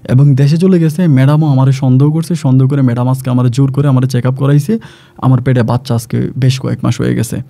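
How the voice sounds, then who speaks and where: A man's voice: medium pitch, fairly even intonation, quick pace, creaky, warm tone. A man telling a story from his own life as a worker, in a rambling way that often repeats itself. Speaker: migrant worker gardener. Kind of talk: casual first-person storytelling.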